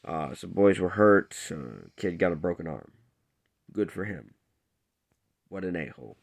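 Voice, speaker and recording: Low-voiced man rambling through a recap. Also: animated, measured pace, gravelly. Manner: rambling, lots of fillers, acts out characters' lines. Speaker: TV show reviewer. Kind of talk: casual episode recap.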